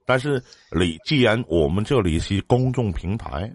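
A man's voice: fairly low pitch, animated, moderate pace, husky, dry recording, studio quality. A man in his forties hosting a live advice call-in, chatting casually in a joking, teasing way. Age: 40s. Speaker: live-stream advice host.

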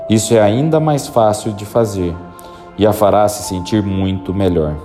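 A man guiding a listener through a hypnosis induction with slow, soothing, repetitive instructions. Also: fairly low pitch, mellow, soft background music.

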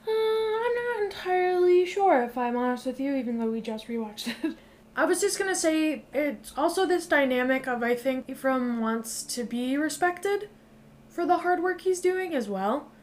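A woman's voice: sits high, animated, moderate pace, darkish tone, slight background noise. A woman hosting a podcast, casually recapping a movie plot with loose phrasing and frequent swearing. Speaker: podcast host. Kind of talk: casual chat.

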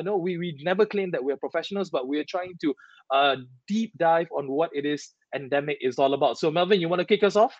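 A man with a Malaysian accent hosts a casual chat to viewers, animated and playful, with colloquial particles in his speech. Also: high-pitched, no echo, muffled recording. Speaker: talk show host.

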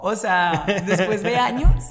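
A woman, a radio host, chatting casually in an interview and talking very fast in an animated way. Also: mid-range voice, a loud crowd. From Colombia. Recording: long room reverb.

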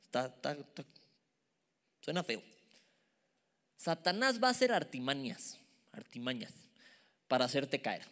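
A man preaching a sermon to young people, animated and emphatic, sometimes dropping to a whisper for asides. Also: medium pitch, unhurried, long pauses, big-room sound. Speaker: youth preacher.

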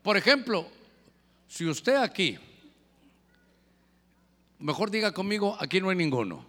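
A man preaching a lively sermon as pastor, firing questions at the congregation, in an echoey hall. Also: high-pitched, unhurried.

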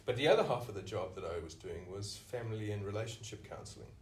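Speaking quickly and with animation, this South African podcast guest, a senior clinician, gives considered answers and keeps falling back on "you know" to start over. His voice is on the low side and sounds far away in an echoey space, with slight background noise.

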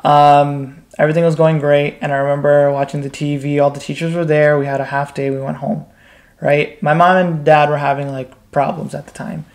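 Speaking briskly in a fairly high, level voice, this twenty-something interview guest shares his own story openly and casually. He has an American accent, is from the United States, Pakistan, Bangladesh and Qatar, and leans heavily on "like" and tag questions of "right?".

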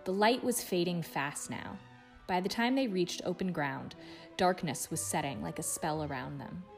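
A woman reading a book chapter aloud in a hushed, suspenseful way. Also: lowish voice, normal speed, creaky, soft background music. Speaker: guest reader.

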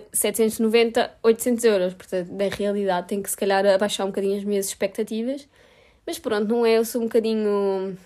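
A woman's voice: mid-range voice, warm tone. A young woman with a European Portuguese accent, talking frankly and self-mockingly in a casual vlog, swearing freely. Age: young adult. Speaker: vlogger.

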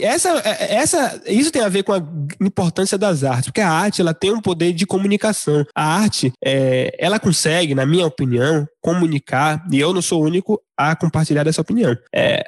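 A man with a somewhat high voice explains his views in a reflective, halting way, full of fillers and restarts. The sound is dry and close, with no room around it. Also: dry recording. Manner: hesitant, many restarts and fillers. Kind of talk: casual discussion.

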